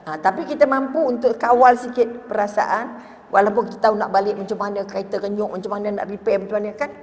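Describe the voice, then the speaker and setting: A woman's voice: medium pitch, fairly even intonation, quick pace. A middle-aged woman with a Malaysian Malay accent giving a religious lecture, telling stories, acting out voices and asking her listeners questions. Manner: storytelling, acts out quoted voices, asks the audience questions. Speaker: religious teacher. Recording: echoey hall with long reverb.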